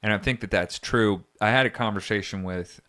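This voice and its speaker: Young guy podcast cohost, lowish voice, goes off on long earnest rambles. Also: a little fast, sharp tone. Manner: earnest, rambling and argumentative, laughs often. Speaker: podcast co-host. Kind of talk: casual chat.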